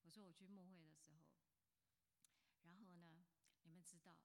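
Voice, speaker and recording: A woman's voice: on the low side, fairly even intonation, normal speed, a little mellow. A woman in her fifties, a pastor giving a chatty sermon that often asks the congregation questions. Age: 50s. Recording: long hall reverb.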